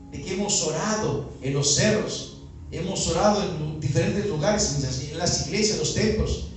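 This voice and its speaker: A Uruguayan pastor with a notably high voice preaches outdoors, throwing question after question at the congregation. The sound is very echoey and picked up from far off the mic. Faint music sits under his voice. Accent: Uruguayan Spanish. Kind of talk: sermon. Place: outdoor gathering in a neighborhood.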